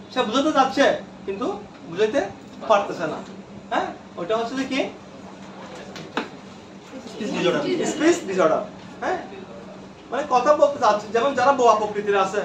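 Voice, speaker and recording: A man's voice: extremely high pitch, fairly bright tone, a little hiss or hum. A male teacher lecturing a classroom, repeating terms and quizzing his students. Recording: echoey room from far off.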